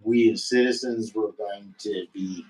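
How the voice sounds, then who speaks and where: A middle-aged man chatting on a casual livestream. His voice sits very low, and he takes his time, drawling slowly through easygoing, rambling talk full of "uh"s and restarts. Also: fairly even intonation, darkish tone, low-quality recording. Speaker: livestream host and musician.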